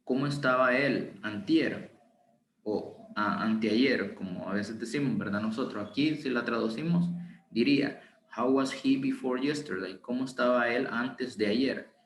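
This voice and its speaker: A man teaching an online English lesson in Spanish, reading English examples slowly and explaining them patiently. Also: medium pitch, slight background noise. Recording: roomy echo with faint ambience.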